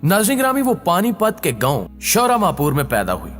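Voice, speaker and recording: A man hosting a channel who tells a story in a measured, expressive scripted narration. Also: sits high. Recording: long reverb with faint background music.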